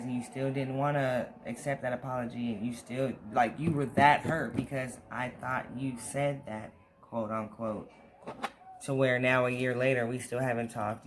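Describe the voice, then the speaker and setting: A man's voice: mid-range voice, slight background noise. An American man talking casually and at rambling length to viewers, venting in a storytime vlog. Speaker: vlogger. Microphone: camera on a tripod.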